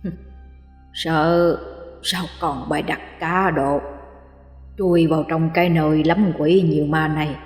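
A woman voicing a mocking old male ghost who keeps a graveyard, with a slow, low, teasing drawl. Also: steady tone, roomy sound, big-room sound, faint music behind.

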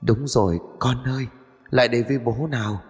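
A man's voice: medium pitch, a little fast, darkish tone, husky, big-room sound, soft background music. A man voicing an evasive young husband in debt, who answers meekly and politely and calls out eerily in a dream. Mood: eerie coaxing.

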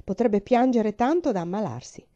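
A woman's voice: medium pitch, lively intonation, normal speed, dark tone, highs cut off, close to an everyday voice. A woman voicing a strict middle-aged aunt who speaks firmly in a storybook reading. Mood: worried. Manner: firm, clipped.

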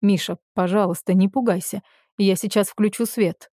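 A woman voicing a worried young man who gently calms a friend after a nightmare. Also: mid-range voice, moderate pace, no echo, studio quality, lightly acted. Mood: soothing. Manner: anxious, soothing.

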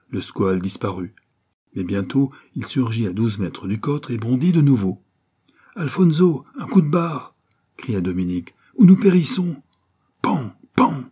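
A man's voice: mellow, breathy edge. A man reading an adventure novel aloud as scripted narration, lifting his voice for the characters' lines. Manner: reads dialogue with lifted, livelier pitch. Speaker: audiobook reader.

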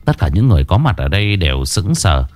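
A man's voice: low voice, sing-song, quick pace, darkish tone, soft background music. A man narrating a story in a vivid, dramatic way.

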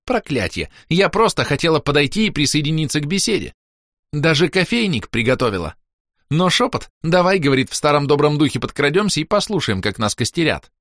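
A weary, curt baroness talks in a raised, lively voice, as a male narrator puts her on. The read is dry and close to the mic. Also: fairly high pitch, a little fast, dry recording, voice pushed up. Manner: tired, curt. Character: weary sharp-tongued adult noblewoman baroness.

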